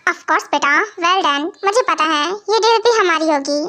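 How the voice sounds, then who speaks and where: A woman's voice: very high voice, unhurried, sharp tone, heavily acted. A woman voicing a proud middle-aged businessman father in a fan-dubbed audio story, approving and fatherly.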